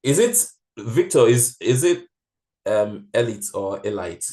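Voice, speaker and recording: A man's voice: mid-range voice, big pitch swings, takes it slowly, warm tone. A man rehearsing as host of an online event, hesitant and checking details. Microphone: video call.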